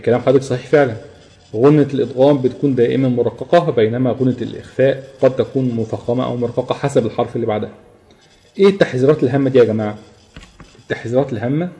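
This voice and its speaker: A man with an Egyptian Arabic accent teaching a tajweed lesson at a quick clip. His tone is mellow and dark. He explains step by step, keeps checking in with the class and drags out each example as he chants it. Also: mid-range voice. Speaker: Quran recitation teacher. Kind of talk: live online tajweed lesson.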